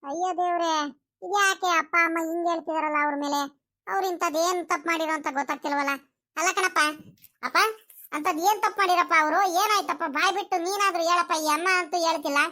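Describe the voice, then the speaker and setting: A woman's voice: very high voice, steady tone, fast, pushed and bright. A woman voicing a bewildered, pleading young married daughter in a comedy cartoon. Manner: pleading, questioning. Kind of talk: village comedy cartoon acting.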